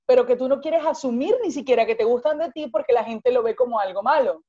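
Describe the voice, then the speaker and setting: A woman coach talks on a podcast in a relaxed, mellow tone that sits fairly high. She explains expansively and acts out little examples as she goes. The audio is dull and lo-fi. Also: quick pace, husky. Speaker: guest life coach. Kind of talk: podcast conversation.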